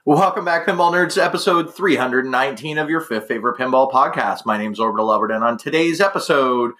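Male podcast host from Canada, middle-aged, medium pitch, casual rambling monologue. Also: brisk, pushed and bright. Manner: rambling, chatty, self-correcting asides.

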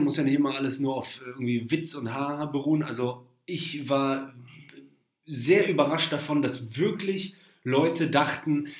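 A man co-hosting a podcast in casual chat, rambling and laid-back with lots of fillers. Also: fairly high pitch. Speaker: podcast co-host. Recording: roomy echo.

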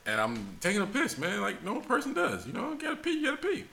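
Animated bright-voiced man telling stories. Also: high voice, quick pace, vocal fry, roomy sound. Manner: animated storyteller, acts out yelling voices. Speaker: podcast co-host. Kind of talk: casual podcast chat.

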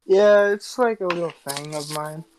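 A man's voice: high-pitched, normal speed, crowd noise. Laid-back joking young man. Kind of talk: casual chat.

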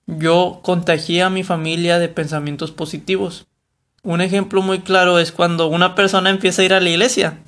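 A man's voice: high-pitched, little pitch movement, normal speed, a bit bright. A young man with a Mexican Spanish accent, talking casually to camera about a book, rambling and correcting himself. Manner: rambling, self-correcting, colloquial. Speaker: vlogger reviewing a book.

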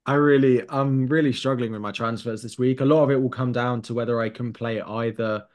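A man's voice: medium pitch, steady tone, a little fast. A British man appearing as a guest pundit on a podcast, thinking aloud at length as he weighs his options. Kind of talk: casual podcast analysis.

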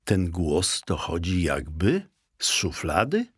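A man voicing a timid male guinea pig who talks in a squeaky, nervous way. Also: huge pitch swings, slow, slightly rough, no echo, clean studio sound, heavily acted.

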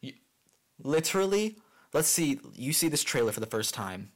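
A young man co-hosting a casual pop culture podcast, talking in a playful, animated way with big jumps in pitch for emphasis. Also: moderate pace. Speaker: podcast co-host. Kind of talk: casual chat.

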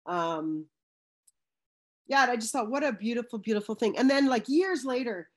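A woman's voice: a little high, lively intonation, moderate pace. A woman as an interview guest, speaking earnestly in a casual chat, with frequent restarts and fillers.

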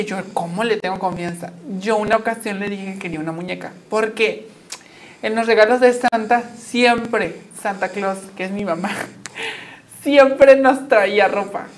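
A young woman with a Mexican accent, a guest telling personal stories in an animated, chatty way with frequent fillers and laughs. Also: medium pitch, slight background noise. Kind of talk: personal storytelling in conversation.

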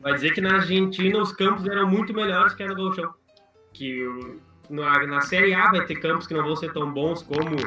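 Sharp-voiced indignant man. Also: on the high side. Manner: blunt, profane, indignant. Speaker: podcast panelist. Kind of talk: casual sports chat.

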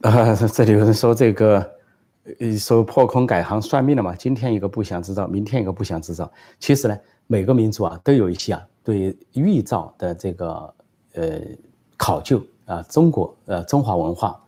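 A political commentary host with a husky, dark, lowish voice speaks at normal speed. He tells a joke and then takes viewer questions as a plain storyteller, hesitating often with fillers.

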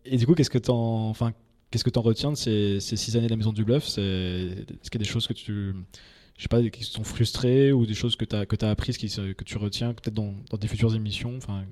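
A man's voice: lowish voice, steady tone, a little fast, darkish tone. A man hosting a podcast interview, asking loose, hesitant questions in a casual tone. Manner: hesitant, many fillers and restarts. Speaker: podcast host.

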